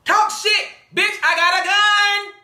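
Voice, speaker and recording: A man's voice: very high-pitched, fairly even intonation, takes it slowly, bright, forceful tone, distant mic. Brash young man reacting, roomy sound. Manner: brash, dramatic, swears and shrieks. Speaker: reaction video host. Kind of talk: loud reaction commentary.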